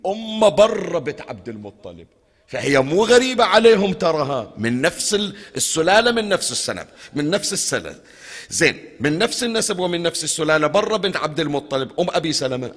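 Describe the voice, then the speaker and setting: A male preacher giving a religious lecture in a mourning hall, animated and asking his audience questions. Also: sits high. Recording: long hall reverb.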